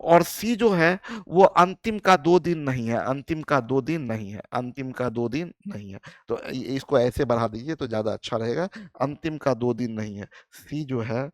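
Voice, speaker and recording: A man's voice: mid-range voice, normal speed, few pauses, no echo, studio quality. A man teaching a live online maths class, explaining each step and often asking the class whether they follow. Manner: explains step by step, often asks the class "yes or no", calls students "friend".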